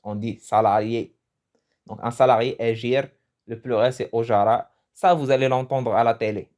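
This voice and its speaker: A man's voice: medium pitch, fairly even intonation, moderate pace, a little mellow. Chatty man teaching a casual lesson. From Morocco. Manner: chatty and loose, restarts phrases, laughs at his own jokes. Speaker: language teacher. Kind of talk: casual video language lesson.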